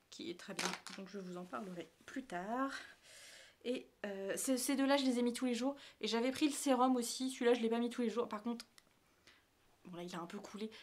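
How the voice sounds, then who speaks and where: A woman's voice: a little high, a little mellow. A woman, chatting casually as a beauty vlogger. Her talk rambles, with many fillers and self-corrections, and she often drops to a near-whisper. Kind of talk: casual chat showing her travel makeup bag.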